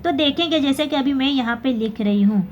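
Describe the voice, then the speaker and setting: High-voiced woman teaching a patient lesson. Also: highs cut off, a little hiss or hum. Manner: patient, repeats words slowly, personifies letters. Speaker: Hindi teacher. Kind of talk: classroom lesson explaining pronunciation.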